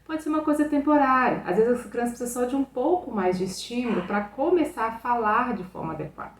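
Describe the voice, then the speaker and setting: A woman's voice: fairly high pitch, fast. A young adult Brazilian woman, a pediatrician, giving chatty advice to parents with a Brazilian Portuguese accent, often asking her listeners for agreement. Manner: chatty, often asks "né?" and calls the audience "gente". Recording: echoey room, distant mic.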